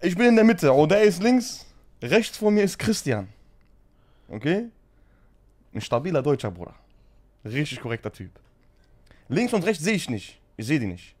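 A man's voice: on the high side, normal speed, pauses often. A man telling a funny story in casual street slang, laughing often as he goes. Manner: animated, slangy, keeps saying "Bruder".

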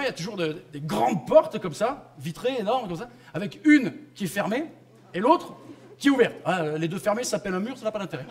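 A young man from France doing stand-up comedy on a theatre stage, mocking and conversational. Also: sits high. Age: young adult. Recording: live theatre, loud audience laughter.

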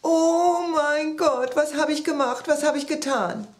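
Little boy creature, high and jittery, stammering; woman reads it. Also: a little slow, slight background noise. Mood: panicked. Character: excitable little boy creature, grandson with glowing hair.

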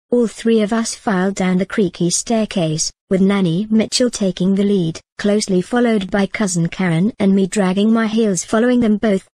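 Husky woman narrating a story. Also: mid-range voice, mellow, dry recording.

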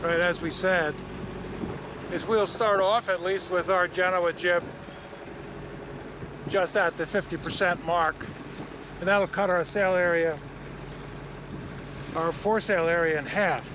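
A man's voice: high voice, fairly even intonation, a little slow, long pauses. An older man giving casual sailing instruction on a boat under way, explaining patiently with some hesitant fillers. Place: outdoors on a sailboat under way in wind. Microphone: action camera mounted on the boat. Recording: windy outdoor boat recording. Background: wind noise and water.

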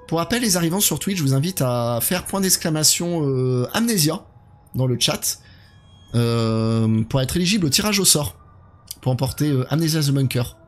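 A man doing casual live commentary on a horror game while chatting with his viewers. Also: fairly high pitch.

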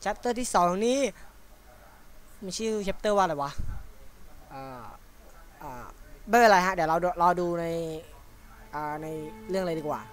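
A man doing let's play commentary on a horror game, jumpy and excitable, swearing often. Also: high-pitched, unhurried, pauses often. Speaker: gamer.

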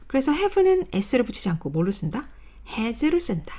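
A woman's voice: on the high side, sing-song, unhurried, mellow. A woman teaching an English grammar lesson in Korean, asking her class questions and then answering them herself as she drills through word lists.

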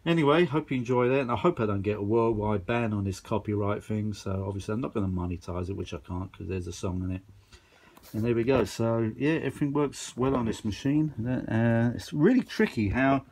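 A vintage audio buff rambles happily through a handheld demo of his gear in a carpeted home room. His medium-pitched voice is a little mellow and a little fast, and his chat is casual and unscripted.

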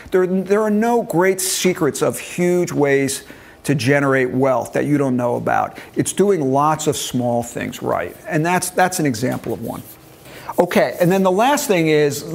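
A financial planning instructor in his early sixties gives an informal classroom talk on retirement money to a seated group in a meeting room, explaining step by step and checking that listeners follow. He's on a lapel mic, and his voice is fairly high and creaky.

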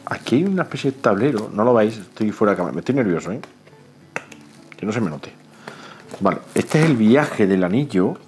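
Excitable low-voiced man unboxing a game. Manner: excitable, pleading and self-talking. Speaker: board game channel host. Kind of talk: casual unboxing commentary. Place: indoors at a table, off camera.

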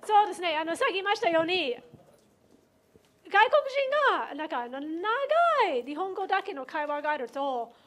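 An American woman, a native English speaker with an American accent, speaking polite Japanese as a consultant at a talk event, measured with frequent fillers. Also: very high-pitched, big pitch swings. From United States. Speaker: management consultant and author.

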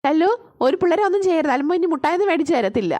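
A woman's voice: very high voice, lively intonation, very fast, darkish tone. A woman voicing a mother in a cartoon who chats with the teacher and scolds her son. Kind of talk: cartoon voice acting.

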